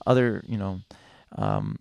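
A man's voice: deep voice, wildly swooping pitch, unhurried, gravelly, a little mellow, dry recording. A man hosting an interview, chiming in agreeably and telling stories. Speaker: host. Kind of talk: casual interview talk.

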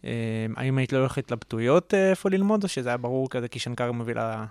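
A man hosting a casual radio-studio podcast interview, eager and excitable, with rambling questions. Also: medium pitch, vocal fry, dry recording. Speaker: podcast host.

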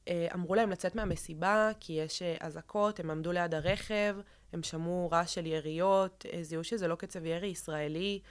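A young woman speaks as an interview guest, recounting a personal ordeal in a low voice. She talks haltingly, with many fillers and restarts. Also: smooth. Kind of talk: emotional personal account in an interview.

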